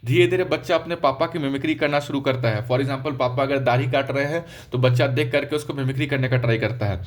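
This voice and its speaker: Speaking fast at a medium pitch, a young male medical lecturer walks his students through a lesson in relaxed teaching style. He addresses them head-on and keeps repeating "ठीक है," his way of saying "okay."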